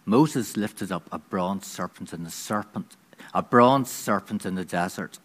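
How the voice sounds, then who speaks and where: A man's voice: sits low, a little slow. A man preaching a conversational sermon, with frequent restarts and acted-out voices. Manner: conversational, hesitant with restarts, dramatizing.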